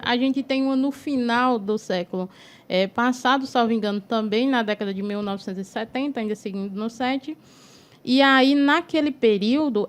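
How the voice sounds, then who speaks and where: Woman with a lightly raised voice, explaining history. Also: on the high side. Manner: lecturing, frequent tag "né". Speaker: guest historian. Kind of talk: explanatory talk-show interview. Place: TV studio.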